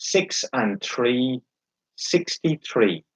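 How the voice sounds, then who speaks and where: A man calling bingo, announcing each number in a measured, formulaic way, digit by digit and then in full. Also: medium pitch, animated, fairly bright tone, breathy edge. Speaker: bingo caller and host. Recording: dull, lo-fi sound.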